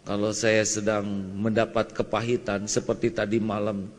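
A male preacher voicing a humble, repentant wife who speaks softly and contritely. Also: monotone, moderate pace, in a large hall, close to an everyday voice. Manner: soft, lowered, contrite.

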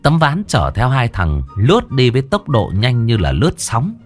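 A man narrating a comic folk-style story in a colloquial, crude and lively way. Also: mid-range voice, normal speed, faint music behind. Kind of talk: casual spoken story narration.

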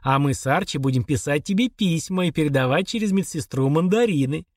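A man voicing a cold, sadistic husband who speaks evenly and mockingly, as if reporting the weather. The tone is flat and controlled, slightly high for a man, in a dry close recording. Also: a little fast, dry recording. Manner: calm, flat, sarcastic.

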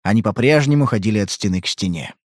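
A man reading an audiobook in steady, measured narration. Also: lowish voice, no room sound, clean studio sound. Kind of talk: scripted narration.

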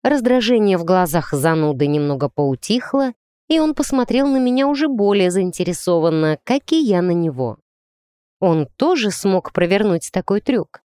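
A woman narrating a first-person novel as an audiobook, lively and ironic in her storytelling. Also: lowish voice, smooth, no room sound, clean studio sound.

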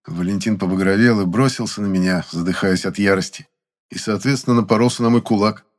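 Man, low voice, wry first-person audiobook narration, ironic. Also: a little fast.

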